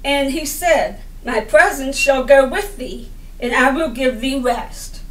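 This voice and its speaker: Reading the Bible aloud like a sermon, this middle-aged lay preacher's voice sits high, her delivery halting and deliberate with occasional stumbles. The setting is an indoor room beside a window, captured by a camera mic placed some distance away, so the audio feels roomy and far.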